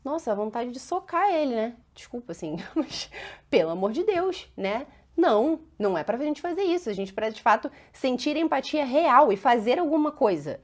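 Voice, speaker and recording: Woman in her 30s, talks to parents like a friend, chatty and animated, voice a bit high. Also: normal speed. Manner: chatty and animated, tags lines with "né?" and "sabe?". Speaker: parenting educator. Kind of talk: conversational teaching talk.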